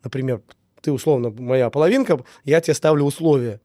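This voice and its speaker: A man getting over a slight cold talks casually and reflectively about relationships as an interview guest, speaking emphatically and repeating phrases in lists. His voice is medium-pitched and warm, a little fast. The recording is dry with clean studio sound.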